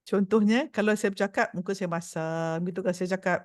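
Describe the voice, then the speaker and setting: A Malaysian woman speaker gives a motivational talk in a playful, teasing tone, slipping into English as she goes. Her voice is recorded close and dry, with a pitch that is neither high nor low. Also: fairly even intonation, fairly quick, darkish tone, dry recording. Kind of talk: lively motivational talk to a seated audience.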